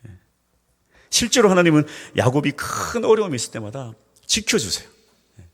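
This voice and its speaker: A man's voice: fairly high pitch, very animated, normal speed, slightly rough, big-room sound. A man pastor from the Gyeongsang region preaching a sermon in a church, telling stories animatedly and acting out voices. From Gyeongsang region, Korea. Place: church sanctuary.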